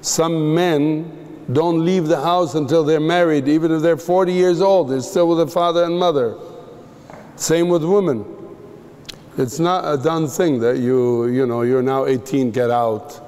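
Slow, deliberate male preacher in a hall. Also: on the high side, steady tone, a little mellow. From Middle East. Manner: measured, emphatic teaching with pauses. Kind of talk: sermon.

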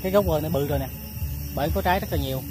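A man in his thirties with a Southern Vietnamese accent, chatting to viewers as he walks through a farm garden, filming himself with a phone held at arm's length and pausing often on fillers. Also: on the high side, over music. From Mekong Delta, Vietnam. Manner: chatty, many filler pauses, addresses viewers. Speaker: vlogger. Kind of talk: casual walking tour vlog. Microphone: phone camera held at arm's length.

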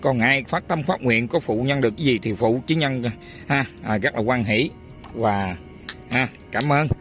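Casting note: man, mid pitch, talkative channel host who grumbles and keeps addressing viewers, faint music underneath. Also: normal speed, fairly bright tone. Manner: chatty, complaining, addresses viewers often. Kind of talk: casual talk to viewers and a chanted prayer.

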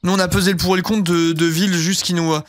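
Young male streamer, high voice, rambling casual chat, dry close sound. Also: flat delivery, fast, no echo, soft background music. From southern France. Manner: rambling, heavy fillers, casual swearing. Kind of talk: casual live-stream chat while gaming.

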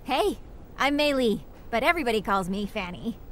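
A woman plays a young female wrestling superfan in a game cutscene. She is bubbly, geeky and talkative, pitched fairly high. Some clear ambience runs behind the voice. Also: lively intonation, normal speed, a little hiss or hum, close to an everyday voice. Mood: excited, friendly. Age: young adult. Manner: enthusiastic, chatty, geeky. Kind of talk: animated video game character acting.

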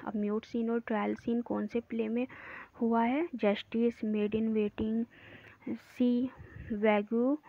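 A woman teacher works through practice exam questions, reading each question out slowly and deliberately before explaining it more quickly. The recording is dry and narrow, like a phone line. Her voice sits at an ordinary middle pitch. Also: dry recording.

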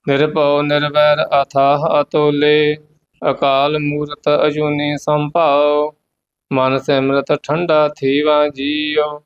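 A man with a Punjabi accent, teaching scripture pronunciation through slow, measured recitation. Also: a little high, monotone, clean tone. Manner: chants verses slowly, then gives quick pronunciation notes. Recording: dull, slightly lo-fi recording.

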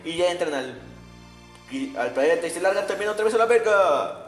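A man's voice: high voice, lively intonation, normal speed. A young man narrating a video game in a crude, slangy, mocking comic style. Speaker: parody narrator. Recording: echoey room with long reverb, faint music. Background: faint music.

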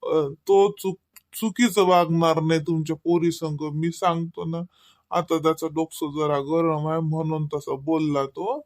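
A gentle middle-aged father-in-law in an animated cartoon. He speaks. The voice is high and dry. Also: measured pace, no room sound. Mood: consoling. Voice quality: gentle, consoling.

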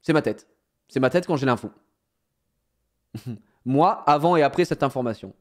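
Give me a man casually telling viewers a story, animated and slangy, with a very lively pitch. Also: normal speed. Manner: animated, slangy, laughs at his own story. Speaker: streamer.

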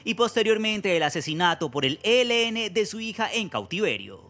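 A man narrates a news profile in a formal, measured voice-over. His voice sits high, with faint music under it. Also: very animated, a bit bright.

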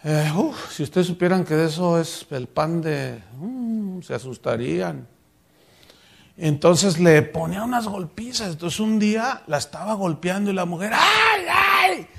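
A man's voice: sits high, animated, a little slow, gravelly, husky. A man preaching a sermon as pastor, in a conversational style that asks the congregation questions.

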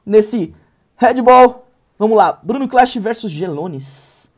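Brazilian dude doing casual gameplay commentary, lots of slang and exclaiming, jokey. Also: male voice, sits high, lively intonation, slow pace. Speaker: gaming video host. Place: small indoor room.

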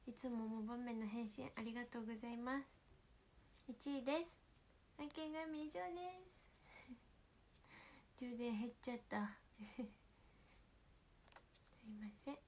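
A teenage woman with a Kansai accent chatting casually with fans on a livestream, speaking softly and often whispering because of a sore, swollen throat. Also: on the high side, measured pace, long pauses, a little hiss or hum. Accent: Kansai Japanese. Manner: soft-spoken, often drops to a whisper. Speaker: idol livestream host. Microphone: phone.

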